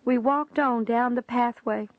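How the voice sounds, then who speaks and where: A woman with a fairly high voice, full of gravelly fry, reads a religious testimony with earnest, preachy urgency. The sound is dry and muffled, with a lo-fi dullness. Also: steady tone, measured pace, dry recording. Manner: earnest, preachy, addresses the listener as "my friend". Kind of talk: reading a religious book aloud. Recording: dull, dry lo-fi recording.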